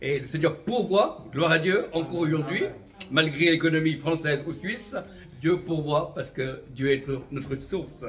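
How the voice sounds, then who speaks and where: Slightly high and a bit bright, this man's voice moves a little slowly. In his fifties and originally from Vietnam, he is a traveling prophetic minister sharing his religious testimony with fervor, sprinkling in "amen" and "voilà" along with light chuckles.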